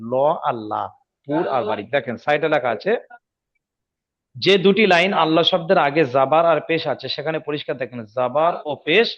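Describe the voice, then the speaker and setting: A man teaching Quran reading rules in an online lesson, patiently repeating each rule and checking if his students follow. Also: fairly high pitch. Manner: slows down and drawls when demonstrating recitation. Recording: dull lo-fi audio.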